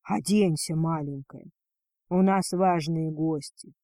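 Rich: A strong male dragon husband with a low, husky murmur, as a woman narrator voices him. His words come slow and breathy in a dry, close recording. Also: dark tone, dry recording. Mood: tender.

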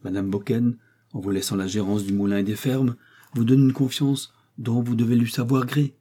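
An imperturbable, stiff provincial notary speaks in formal, measured phrases, as a man reads him. The voice is dark and husky, part of a spoken storybook. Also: mid-range voice, flat delivery, pitched above the performer's own voice, lightly acted. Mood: composed. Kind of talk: audiobook character voice.

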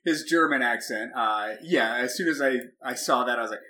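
A man's voice: mid-range voice, moderate pace, over a noisy crowd. A man co-hosting a casual film-review podcast, chatty and laughing often as he talks. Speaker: podcast co-host. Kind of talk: casual chat.

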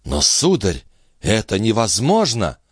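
A man voicing a proud, defiant young woman in an audiobook, raising his voice into high, strained outcries. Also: huge pitch swings, a little slow, slightly rough, no room sound, clean studio sound, heavily acted. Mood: indignant. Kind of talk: audiobook character reading.

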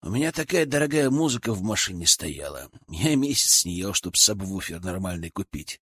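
A man reading the lines of a rueful young man who sighs over his lost car, in a lower voice. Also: big pitch swings, normal speed, a bit bright, slightly rough, full character voice. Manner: sighing, rueful.

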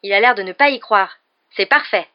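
Woman doing a hot-headed teen boy, loud n excited, muffled audio. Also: on the high side, quick pace, pitched above the performer's own voice, lightly acted. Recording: dull lo-fi recording.

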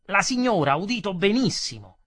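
An actor reading aloud plays a short, angry young restaurant customer who speaks with stiff, menacing formality. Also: male voice, sits high, very animated, fairly quick, a bit bright, no room sound, clean studio sound, pitched above the performer's own voice, heavily acted. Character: angry short young man, threatening diner.

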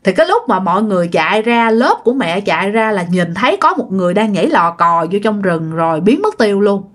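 A woman's voice: mid-range voice, expressive, fast. A woman with a Southern Vietnamese accent narrating a ghost story in a chatty way, addressing listeners directly.

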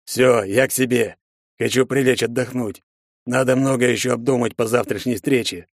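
A man's voice: mid-range voice, steady tone, normal speed, dry recording, studio quality, lightly acted. A man reading an audiobook, voicing a stern older father who heads the family and gives harsh commands. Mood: weary. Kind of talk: audiobook character voice.

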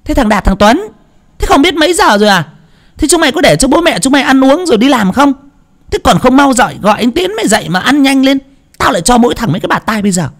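Sharp-tongued village aunt, shrill and very high, played by a man. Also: sing-song, exaggerated voice. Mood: scolding. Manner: scolding, nagging, rapid-fire.

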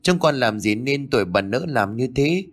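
A man's voice: medium pitch, lively intonation, normal speed, close to an everyday voice. A man voicing a timid young servant girl who wails and pleads with her mistress. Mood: pleading fearful. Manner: wailing, pleading.

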